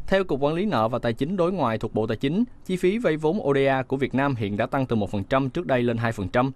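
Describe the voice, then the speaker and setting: A man reading a scripted news voice-over in a steady, measured way. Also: mid-range voice, no echo. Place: studio booth.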